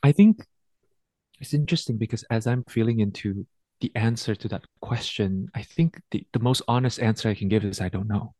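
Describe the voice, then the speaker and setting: A man as a podcast guest, speaking in a reflective, measured, thoughtful way. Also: medium pitch, warm tone, dry recording. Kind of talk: casual conversation.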